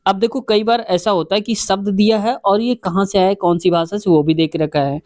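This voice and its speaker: A man's voice: sits high, fairly even intonation, moderate pace, a little mellow, dry recording, clean studio sound. A male teacher, going through exam questions one by one and explaining the answers. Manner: explanatory, repeats question numbers.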